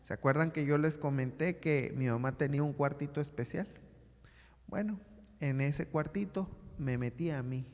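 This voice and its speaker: Pastor guy with a high voice telling a story in his sermon, big hall echo. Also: moderate pace, a little mellow. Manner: storytelling, acts out voices of his mother and himself as a child. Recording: long hall reverb.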